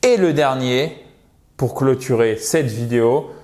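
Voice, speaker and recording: A man's voice: medium pitch, slow pace, a little mellow. A man from France teaching English in an online lesson, patiently repeating words for pronunciation and addressing viewers as dear friends.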